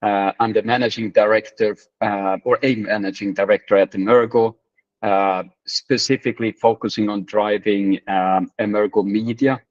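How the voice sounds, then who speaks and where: Low-voiced man from Sweden, muffled call audio. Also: fairly even intonation, normal speed, dry recording. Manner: hesitant, many fillers. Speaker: guest, managing director. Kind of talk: casual AMA introduction.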